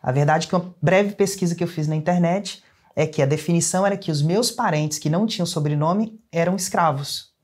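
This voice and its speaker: A young adult man with a Brazilian Portuguese accent, an interview guest, earnestly shares a personal story in casual conversation. He speaks briskly in a fairly high, slightly rough voice.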